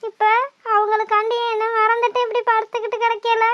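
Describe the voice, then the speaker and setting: A sharp-tongued young village wife, voiced by a woman, nags and scolds in a very high, squeaky cartoon voice. She talks in quick, bossy jabs. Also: monotone, highs cut off. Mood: coaxing. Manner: scolding, nagging.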